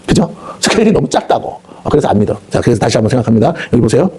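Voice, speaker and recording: A male pastor preaching a revival sermon, talking rapidly and rising to shouted rebukes. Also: medium pitch, big pitch swings, slightly rough. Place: prayer house meeting hall.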